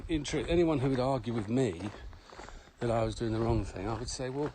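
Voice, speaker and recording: This podcast co-host is a man with a medium-pitched voice who talks a little fast in casual conversation. He's opinionated and emphatic, repeating phrases. The recording has a clearly noisy background with clicks.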